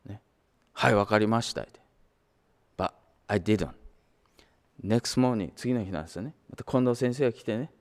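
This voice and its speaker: A man's voice: on the low side, measured pace, pauses often. An older man from Japan, a Japanese native, giving an anecdotal sermon as minister, switching between Japanese and English. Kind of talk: sermon storytelling.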